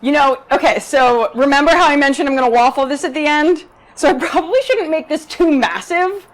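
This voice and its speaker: A young woman chats her way through a live cooking stream in her own home kitchen. Her voice sits a little high, and she talks loudly and eagerly. She speaks straight to the viewers the whole time. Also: brisk. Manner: bubbly, chatty, addresses viewers directly; self-described loud talker. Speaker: cooking video host. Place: home kitchen in a Brooklyn apartment. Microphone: 360 camera rig.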